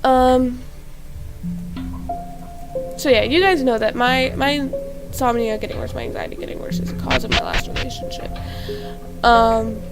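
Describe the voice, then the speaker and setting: Loud game music plays under a young woman's casual let's-play commentary. Her throat is sore and congested, and her fairly high, sing-song voice has vocal fry as she rambles with fillers at normal speed, leaving long pauses. The gaming YouTuber's audio is poor.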